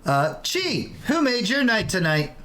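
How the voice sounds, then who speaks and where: A man's voice: high-pitched, sing-song, unhurried, a bit bright. A man speaking casually as game master, narrating and chatting with the players.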